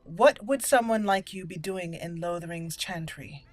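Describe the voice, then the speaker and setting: A woman's voice: lowish voice, a little slow, no room sound, faint music behind. A woman hosting a roleplay let's play, voicing dialogue choices and narrating the game.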